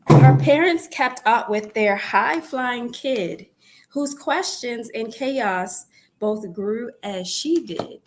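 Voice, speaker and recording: Slow, expressive woman reading a bedtime story. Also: a little high, slight background noise, rough recording. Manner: expressive, repeats phrases for emphasis. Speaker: storyteller reading a children's picture book. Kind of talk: read-aloud bedtime story narration.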